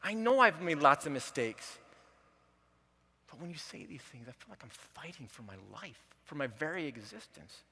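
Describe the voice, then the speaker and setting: A man's voice: a little high, big pitch swings, gravelly, pushed and bright, slight background noise, heavily acted. A man voicing a choked, broken husband. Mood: pleading. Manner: choked, halting pleas. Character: broken middle-aged husband pleading.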